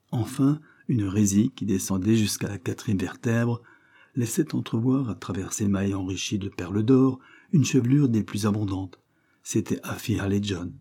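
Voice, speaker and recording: A man reading an audiobook aloud in a measured, expressive way. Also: lowish voice, slightly rough. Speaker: audiobook reader. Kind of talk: scripted narration.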